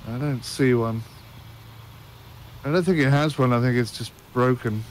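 A chatty man hosting a co-op gaming session over a headset, laughing easily as he talks. His voice has an ordinary middle pitch, with a faint hiss in the background. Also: moderate pace, a little mellow. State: slight frog in throat. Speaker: gaming channel host. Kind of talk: casual gaming chat.

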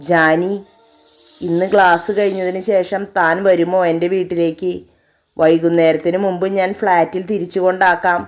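Caring male teacher, soft and concerned, lowish tone; woman narrator voices him. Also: level tone, normal speed, soft background music, natural voice.

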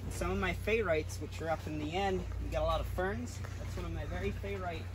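A young man with a high voice and fairly even intonation talks fast as he leads an informal, explanatory tour through large greenhouses and a garden center yard. It was shot on a handheld camera or phone a few steps away, with clear background noise.

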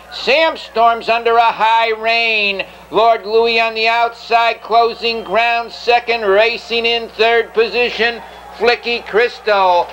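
A man's voice: sits high, a bit bright, lo-fi sound, a little hiss or hum. A man calling a live horse race, announcing running positions in clipped race-caller phrases.

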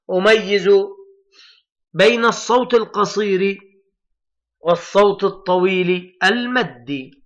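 A man teaching young children to read, sounding out letters and words slowly and emphatically while encouraging his pupils. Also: high-pitched, bright, forceful tone. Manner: addresses pupils as heroes, patient and encouraging. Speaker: primary school Arabic teacher. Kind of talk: recorded classroom lesson for young children.

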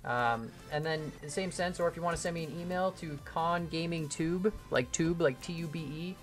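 Soft music plays behind this young man's fairly high voice as he talks at a moderate pace. Streaming from his home computer, he builds in a game and rambles through casual chat, responding to his viewers.

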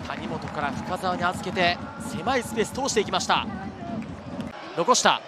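A man giving live football commentary, excitedly calling names and plays in short bursts. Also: high-pitched, fairly quick, a loud crowd. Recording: loud stadium noise behind voice. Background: loud stadium ambience.

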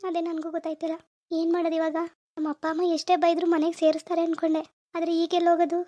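A woman's voice: very high-pitched, completely flat delivery, fast, warm tone, dry recording. A woman voicing a worried, regretful young husband in a cartoon. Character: remorseful young husband Satish.

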